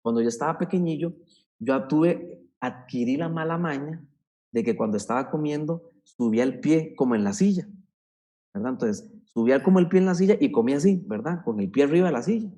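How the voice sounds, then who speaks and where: Male speaker, mellow dark voice, emphatic teaching talk for parents. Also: fairly high pitch, expressive, fairly quick. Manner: earnest, emphatic, repeats key points.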